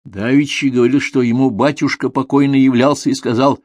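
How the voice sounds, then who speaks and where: A man's voice: medium pitch, level tone, brisk, darkish tone, no room sound, pitched above the performer's own voice, close to an everyday voice. A man voicing a tearful, affectionate older sister, raising his voice and speaking in a lilting, heartfelt, homely way. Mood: confiding.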